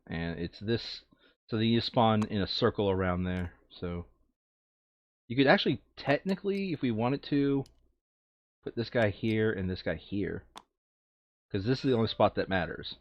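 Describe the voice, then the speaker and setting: Recording himself playing a board game, a man talks casually and thinks out loud, now and then muttering to himself. His lowish voice has lively intonation, a moderate pace and frequent pauses. The microphone is lo-fi and slightly dull.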